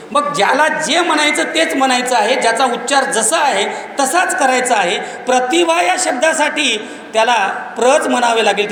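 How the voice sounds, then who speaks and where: A man delivers a lecture in a high, ringing voice. He builds his points through lists of examples and pushes his voice close to a shout when he stresses them. The sound is echoey and slightly distant, as if captured in a large hall, with a faint background hum. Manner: emphatic, rising to near-shouts on key points; explains by listing examples. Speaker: speaker on Marathi language and literature. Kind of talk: public lecture.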